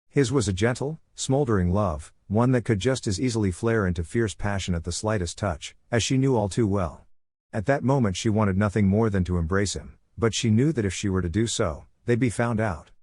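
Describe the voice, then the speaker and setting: A man narrating a fan-fiction story, reading in a steady, measured way. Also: lowish voice, dry recording, clean studio sound.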